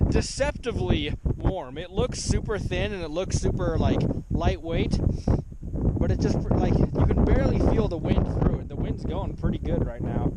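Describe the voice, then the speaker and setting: A young man vlogging from a fishing trip, talking casually and poking fun at himself into a handheld camera by a stream. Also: high voice. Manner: self-deprecating, chatty. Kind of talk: casual outdoor vlog narration. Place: outdoors by a stream in snowy, windy weather. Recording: wind and outdoor noise behind.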